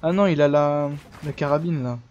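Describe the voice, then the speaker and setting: A man's voice: on the high side, normal speed, dull audio. A man chatting casually and reacting live during an online game, using lots of slang, with a southern French accent. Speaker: gamer playing online with a friend. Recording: clearly noisy gaming mic with clicks.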